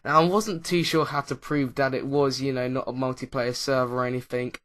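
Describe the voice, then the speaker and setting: A man with a middle-pitched voice talks casually over his own game footage. He hesitates constantly, filling gaps with uh, um and like. He often loses his thread and restarts a sentence. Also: steady tone, a little fast, a bit bright. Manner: hesitant, lots of uh and um fillers; rambling, loses track mid-sentence. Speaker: YouTuber, Minecraft Let's Player. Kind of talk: casual commentary over gameplay.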